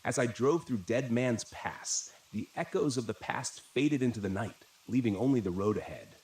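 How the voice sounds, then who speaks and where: A man narrating a first-person horror story in a steady, dramatic, scripted manner. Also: mid-range voice, moderate pace, slight background noise. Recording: roomy echo.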